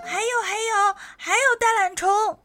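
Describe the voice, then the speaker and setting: A woman voicing a crowd of eager little frog brothers who call out excitedly in a storybook. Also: sits high, slow pace, soft background music, voice pushed up, heavily acted. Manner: excited calling out.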